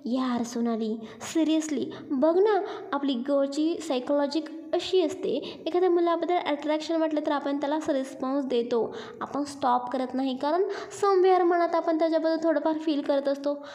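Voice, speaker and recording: A woman's voice: high-pitched, fairly even intonation, moderate pace, dark tone, voice pushed up, close to an everyday voice. A woman voicing a gushing, dramatic young woman friend. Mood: excited. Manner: gushing, theatrical, mixing English phrases.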